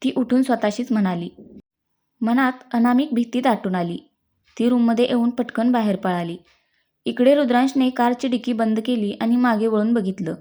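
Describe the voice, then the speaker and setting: A woman's voice: on the high side, moderate pace, dark tone. A woman with a Marathi accent reading a story aloud and giving every character's lines in her own voice. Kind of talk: scripted story narration.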